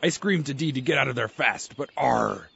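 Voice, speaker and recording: A man's voice: medium pitch, animated, normal speed, vocal fry, bright, forceful tone, heavily acted. A man voicing a boastful male chickadee ghost pirate, growling his lines in pirate talk. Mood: gruff. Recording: lo-fi recording with faint room noise.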